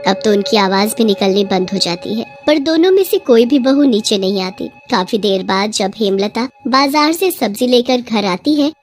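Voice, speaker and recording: A woman narrating a bedtime horror story in a steady, expressive manner. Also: fairly high pitch, moderate pace, few pauses, faint music behind.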